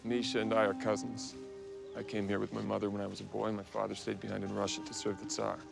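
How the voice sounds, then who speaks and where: An actor playing a blunt, skeptical émigré dancer in a period TV drama. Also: male voice, on the low side, little pitch movement, quick pace, vocal fry, over music.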